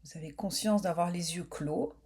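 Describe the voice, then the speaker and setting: A yoga nidra teacher with a lowish female voice leads a relaxation, speaking her instructions slowly in a calm, soothing, unhurried way. There's a little hiss or hum in the recording.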